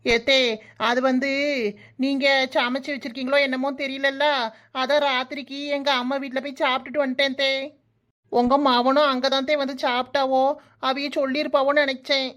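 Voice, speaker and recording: A woman's voice: high voice, little pitch movement, a little fast, a bit bright. A woman voicing a cheeky, lazy young daughter-in-law in a comic cartoon, sarcastic and prone to talking to herself, with a Kanyakumari Tamil accent. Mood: sassy.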